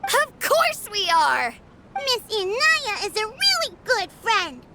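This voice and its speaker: Squeaky, bubbly little girl. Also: sing-song, slow, background noise, full character voice. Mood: excited. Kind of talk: scripted game voice acting. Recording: loud music behind.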